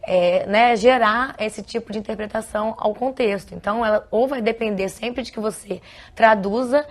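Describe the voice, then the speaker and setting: A woman's voice: on the high side, normal speed. Brazilian woman explaining at length. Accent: Brazilian Portuguese. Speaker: guest specialist. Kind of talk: studio talk show discussion.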